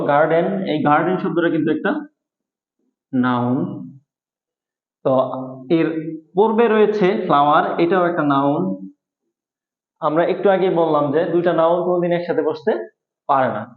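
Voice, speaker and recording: A man teaching a grammar lesson, explaining slowly and repeating each rule. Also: a little high. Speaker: English teacher. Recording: echoey room over a thin phone-like line.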